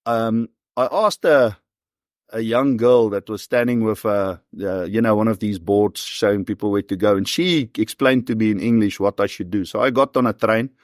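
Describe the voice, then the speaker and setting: Here a South African man in his forties, once a soldier and now a professional hunter, shares stories as an interview guest in a relaxed, chatty way. His voice sits on the low side with fairly even intonation and a moderate pace, recorded in a studio with no room sound.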